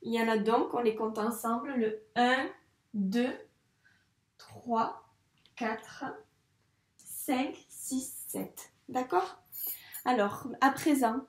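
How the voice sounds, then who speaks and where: A woman teaching a reading lesson to young children, speaking slowly and patiently with careful articulation. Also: fairly high pitch, echoey room. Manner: slow, patient, clearly articulated. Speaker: first-grade teacher.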